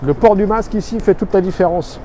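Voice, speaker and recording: A man from Alsace in France speaks in a mellow, slightly high voice, earnest and measured as he explains. He records himself on a phone on a city street corner. Faint traffic hums behind him. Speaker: expatriate vlogger. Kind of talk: informal video message. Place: street corner in a busy city neighborhood, outdoors. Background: faint city street and traffic noise.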